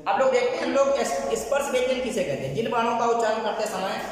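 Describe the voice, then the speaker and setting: A man's voice: very high voice, quick pace, crowd noise. A male teacher giving a Hindi grammar lesson, repeating terms and asking and answering his own questions. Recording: echoey room, far from the mic.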